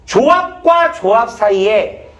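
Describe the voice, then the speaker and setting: A man's voice: very high voice, very animated, slow, fairly bright tone, dull audio. A male math teacher giving a classroom lecture, blunt and swearing casually as he quizzes students.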